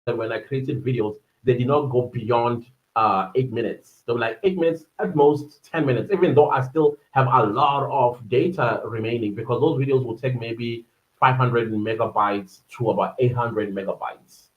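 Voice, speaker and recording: A man's voice: medium pitch, moderate pace, reverberant, highs cut off. A man in his thirties from Durban with a South African accent, talking casually on his solo podcast, rambling and searching for words with many fillers. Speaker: podcast host.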